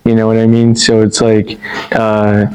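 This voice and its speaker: A man's voice: lowish voice, completely flat delivery, unhurried, a little mellow, clear, resonant tone, rough recording. Man, young adult, casual, rambling, filler-heavy. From Brazil. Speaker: guest. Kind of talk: casual discussion.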